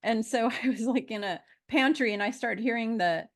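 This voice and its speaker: A woman's voice: fairly high pitch, normal speed. A woman in her fifties speaking as a guest in a casual conversation, meandering along with frequent fillers and restarts. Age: 50s.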